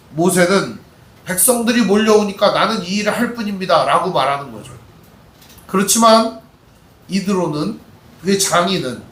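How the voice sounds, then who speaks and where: A man's voice: high voice, a bit bright, echoey room, distant mic, slight background noise. A man with a Chungcheong accent preaching an expository sermon as pastor, talking conversationally and asking the congregation questions.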